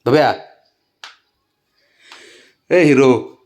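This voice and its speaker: A man talking to his pet cat in coaxing baby talk, soothing and pleading, with his voice swooping up high on questions. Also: drawn-out words, a little mellow.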